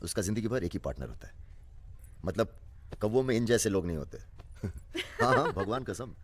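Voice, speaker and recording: A man's voice: fairly low pitch, big pitch swings, moderate pace, background noise. An actor dubbing a cocky young gunman who talks in teasing, swaggering banter in a film. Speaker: lead in a dubbed action film.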